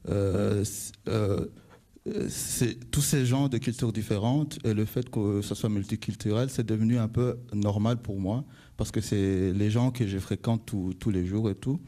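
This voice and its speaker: A young man from Congo speaks as a radio guest in a very dark, somewhat low voice. He hesitates often, filling gaps with fillers and restarting sentences. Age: young adult. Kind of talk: radio panel discussion.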